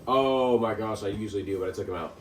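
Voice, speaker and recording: A fast-talking man with a fairly low pitch co-hosts a casual podcast, recorded from a distance with roomy sound and faint noise. His story rambles, punctuated by laughter, frequent fillers and restarts.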